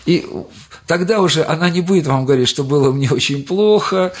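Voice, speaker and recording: A man's voice: a little high, a little fast. An older retired man speaking as a doctor in an interview, rambling and hesitant, with many fillers and restarts. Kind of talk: interview answers.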